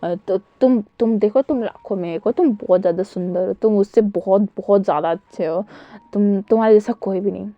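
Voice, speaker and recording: A woman's voice: mid-range voice, fairly quick, no room sound, dull audio, pitched below the performer's own voice, close to an everyday voice. A woman voicing a devoted young husband who repeats himself in a rush when he pleads. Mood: soothing.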